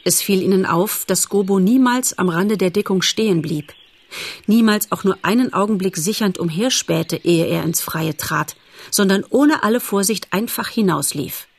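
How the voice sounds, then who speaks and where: A woman narrating a children's animal story in a calm, measured audiobook style. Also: mid-range voice.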